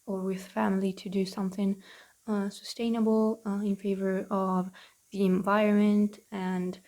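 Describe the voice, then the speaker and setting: A young woman talking quietly under her breath at home in her bedroom, recording a casual, hesitant voice-over for a building video. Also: mid-range voice, level tone, normal speed. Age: young adult. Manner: hesitant, with many fillers. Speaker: gaming channel host.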